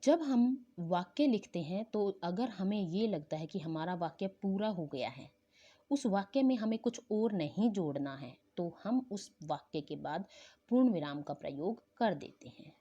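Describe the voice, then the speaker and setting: A woman's voice: medium pitch, animated, measured pace, mellow, husky. A woman teaching a school language lesson in an online class, explaining patiently and often checking in with her pupils. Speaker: Hindi teacher. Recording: dull lo-fi recording with faint noise.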